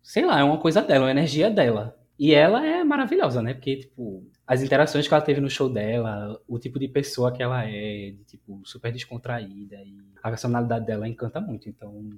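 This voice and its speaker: A man's voice: mid-range voice, expressive, fairly quick, hardly any pauses. A man hosting a podcast, chatting casually and enthusiastically. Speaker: podcast host. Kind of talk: casual chat.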